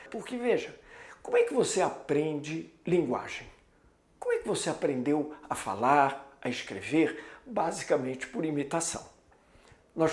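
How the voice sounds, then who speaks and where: A man's voice: a little high, a little mellow, echoey room. A man teaching a lesson, lecturing didactically with emphatic stress. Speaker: Portuguese teacher. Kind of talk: recorded classroom lecture.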